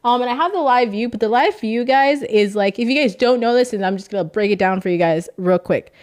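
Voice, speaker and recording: Young woman streamer, higher voice, rambling and heartfelt, casual live chat. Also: fairly quick, a little mellow. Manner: emotional, rambling, reads out chat.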